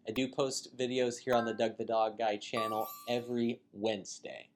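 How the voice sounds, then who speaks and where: A man's voice: mid-range voice, normal speed, slight background noise. A man who runs a pet care business, talking casually to camera with a nasal, congested voice from being sick, loose and chatty with plenty of filler words. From Florida, United States. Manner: relaxed, conversational with frequent filler words. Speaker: pet care business owner and channel host. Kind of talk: casual talking-head vlog.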